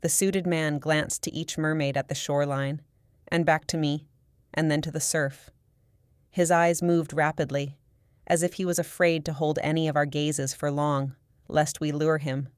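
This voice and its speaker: A woman narrating a first-person audiobook in a steady, measured storytelling manner. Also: low-pitched, clean tone, dry recording, clean studio sound.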